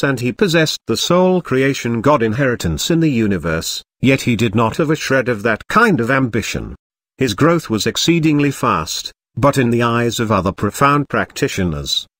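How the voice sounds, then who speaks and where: A man narrating a fantasy audio novel in a steady, even reading voice. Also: medium pitch, no echo, studio quality. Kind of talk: scripted narration.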